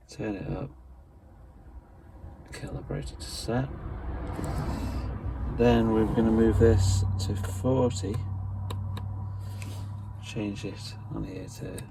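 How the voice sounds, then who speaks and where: An unscripted vlog has a radio-gear hobbyist explaining things casually and hesitantly, rambling and self-deprecating as he goes. His low-leaning voice has vocal fry, and there's background noise.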